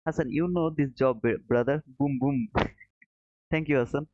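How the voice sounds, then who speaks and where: Hosting a trading livestream, a man from Bangladesh reads viewer comments aloud and answers warmly in casual live chat, calling people brother and chuckling often. His voice is on the high side with a darkish tone at normal speed, and the audio sounds dull.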